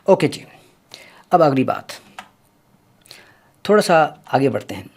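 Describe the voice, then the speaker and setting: A male language teacher in an explanatory lesson, repeating each letter and sound aloud with deliberate care. His pitch rises and falls with a lively, animated swing. He speaks to his learners directly and politely. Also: creaky. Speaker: English pronunciation teacher.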